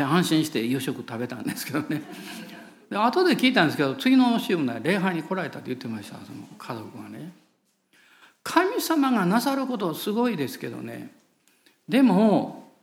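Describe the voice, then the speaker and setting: A male pastor with a Kansai lilt preaches and tells stories from the pulpit. His pitch swings widely as he animates the tale, and he laughs at himself along the way. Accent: Kansai Japanese. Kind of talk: sermon with storytelling.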